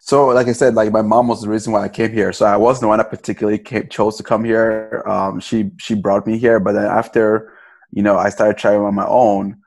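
A man's voice: lowish voice, little pitch movement, a little fast, vocal fry, a little mellow. A young man from Cameroon, a podcast guest, talking casually in a loose, rambling way with many restarts. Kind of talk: casual interview.

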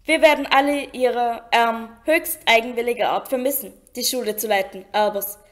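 A woman's voice: fairly high pitch, moderate pace, natural voice. A cold, sneering aristocratic man, as a woman reads him in an audiobook. He speaks offhandedly, with a lightly raised, spiteful edge. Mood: smug, sneering. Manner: casual, spiteful.

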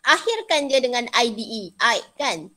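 A woman's voice: fairly high pitch, sing-song, normal speed, bright, forceful tone. A middle-aged woman with a Malaysian Malay accent teaching an informal online lesson, chatty, repeating points and mixing in English terms. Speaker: chemistry teacher. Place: indoors, on a video call.

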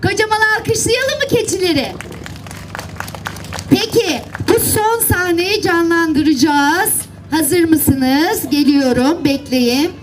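At an outdoor seaside children's event, a woman storyteller with an extremely high voice narrates slowly and animatedly, coaxing the children to act out the tale through simple, repeated instructions. The live recording catches a faint crowd and ambient noise.

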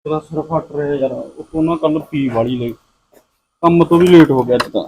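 A man's voice: on the high side, a little fast, a little mellow, a little hiss or hum, lightly acted, rough recording. A man playing a surly young drinker. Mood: sullen. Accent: Punjabi. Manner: curt and defiant. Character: surly young drinking husband, defiant and rude. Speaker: husband and son. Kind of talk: short film drama acting.

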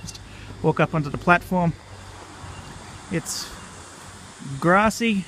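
An Australian man narrates his walk in an easy, chatty way, dropping "righto" and little fillers. His voice sits a touch high. The camera mic picks him up outdoors, with insects and distant traffic clearly audible behind him. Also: slow, a bit bright. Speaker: vlog host. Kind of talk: casual walking vlog narration. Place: outdoors on a disused railway platform in a park. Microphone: handheld camera mic while walking.

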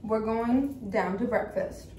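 A young woman chatting casually in a travel vlog, quick and a bit complaining. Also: a little high, mellow, a little hiss or hum. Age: young adult. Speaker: vlogger.

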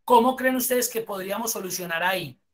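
A woman's voice: medium pitch, fairly quick. A woman teaching a spreadsheet course online, explaining step by step and praising her students.

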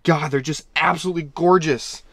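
A young man chatting casually and excitably to the camera as a fishing vlogger inside a tent. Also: a little high, brisk, no echo, studio quality. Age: young adult. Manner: excitable, slangy. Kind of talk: casual vlog chat. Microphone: camera a short distance away. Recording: faint noise on camera audio.

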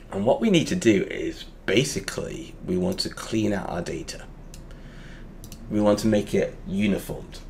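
A man teaching a lesson over a whiteboard drawing, explaining step by step and pausing often with fillers. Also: lowish voice, darkish tone, slight background noise.

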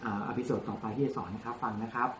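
A man's voice: medium pitch, steady tone, racing. Thai guy teaching english sounds, repeats words a lot, echoey room, noisy background. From Thailand. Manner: repeats and corrects pronunciation patiently, many filler sounds in English. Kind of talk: one-on-one tutoring lesson.

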